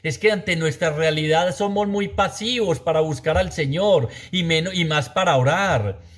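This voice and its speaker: A man's voice: on the high side, moderate pace. A man preaching a sermon, repeating phrases for emphasis and asking the audience rhetorical questions.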